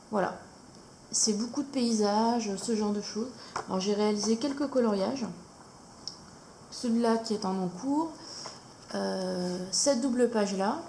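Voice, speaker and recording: A woman vlogger casually showing her coloring books, hesitant with many fillers and pauses. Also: on the high side, a little mellow. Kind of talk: casual show-and-tell chat. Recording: echoey room, faint noise.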